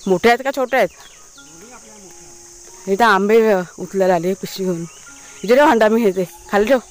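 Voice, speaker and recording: A woman's voice: medium pitch, moderate pace. A woman host with a Konkan Marathi accent, chatting casually in a village vlog, talking to her pets and her viewers outdoors.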